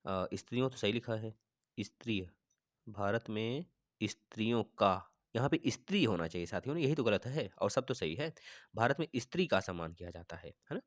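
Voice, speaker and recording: A man's voice: on the low side, big pitch swings, no echo. Man teaching Hindi grammar, close dry sound. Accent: Hindi-speaking north Indian. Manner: thinks aloud, repeats sentences slowly, asks viewers. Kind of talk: exam-prep grammar lesson.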